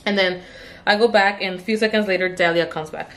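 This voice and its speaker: A young woman gossips her way through a storytime as she does her makeup, peppering every sentence with "like". Her pitch sits in a plain middle range, and she laughs and talks quickly and loosely. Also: steady tone, fairly bright tone. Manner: chatty, full of "like" and laughter. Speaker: beauty vlogger. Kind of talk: casual storytime while doing makeup.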